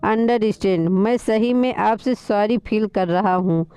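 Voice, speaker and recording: A woman voicing a young male boss who calmly insists on an apology, slipping English phrases into his talk. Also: medium pitch, unhurried, clear, resonant tone, no room sound, studio quality, natural voice. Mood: insistent.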